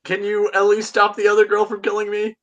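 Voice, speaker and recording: A man's voice: high-pitched, completely flat delivery, brisk, fairly bright tone, pitched above the performer's own voice. A man voicing a cornered, injured wizard villain in a tabletop game, bargaining and pleading. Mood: anxious.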